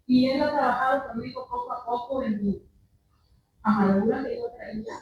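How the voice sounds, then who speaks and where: A woman's voice: a little high, moderate pace, dull audio, slight background noise. A woman giving a personal testimony in church, speaking earnestly and calling her listeners brothers. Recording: echoey church hall from far off.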